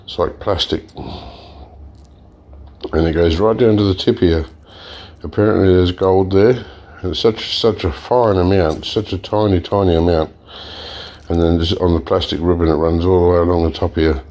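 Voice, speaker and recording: This deep, dark-toned male host of an e-waste recycling channel runs a casual hands-on demo at a moderate pace, thinking aloud as he works. He's relaxed and slightly hoarse, clearing his throat now and then, and his talk is full of fillers and restarts.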